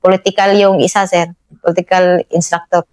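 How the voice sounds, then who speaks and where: A woman's voice: fairly low pitch, level tone, a little fast, darkish tone. A woman corporal telling her combat story to an officer, respectful and deferential. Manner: respectful, says "sir" after nearly every phrase. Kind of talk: interview storytelling.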